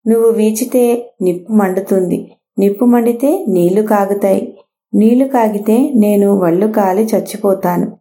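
Lady putting on a bratty little storybook goat kid, brash and then begging, soft mellow tone. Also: mid-range voice, normal speed, close to an everyday voice. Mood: pleading. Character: cheeky headstrong little female goat kid.

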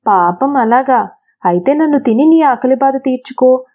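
A woman voicing a clever plump rooster coaxing a wolf, in a slow storybook reading. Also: sits high, lively intonation, mellow, dull audio. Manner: sweetly coaxing.

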